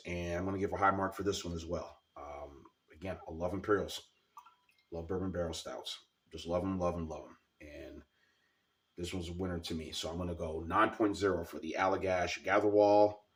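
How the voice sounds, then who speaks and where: A man's voice: low voice, fairly even intonation, normal speed, distant mic. A man with a scratchy, sore-sounding throat gives a casual, informal product review as a video host, repeating words for emphasis.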